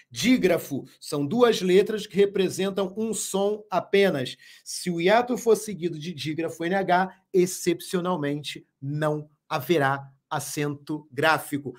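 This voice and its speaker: A man teaching a live online grammar lesson, speaking slowly and emphatically, repeating key words and asking viewers questions. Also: on the high side. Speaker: Portuguese teacher.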